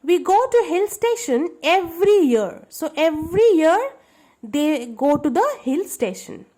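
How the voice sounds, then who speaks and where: A woman's voice: very high voice, big pitch swings, measured pace, warm tone. A woman teaching a grammar lesson to schoolchildren, explaining patiently and checking that they understand.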